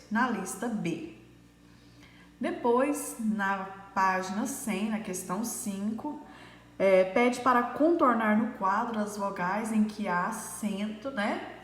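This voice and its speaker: A woman primary school teacher, patiently going over answers in a recorded lesson with frequent fillers. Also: fairly high pitch. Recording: echoey room with long reverb.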